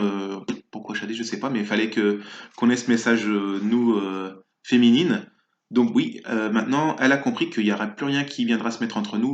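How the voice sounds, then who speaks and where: A man talking in a casual spoken monologue as a spiritual vlogger, rambling and hesitant, full of fillers and restarts. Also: medium pitch. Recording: echoey, slightly muffled room sound.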